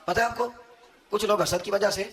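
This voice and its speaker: A man's voice: high-pitched, steady tone, fairly bright tone. A man preaching a sermon, telling stories with frequent chuckles and reciting verses along the way. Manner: mixes in recited verse and couplets.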